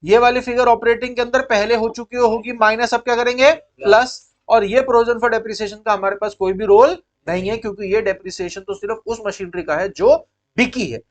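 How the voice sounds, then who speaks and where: A man with an Indian accent teaching accounting in a lecture style, quizzing his pupils and repeating key points in mixed Hindi and English. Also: high voice.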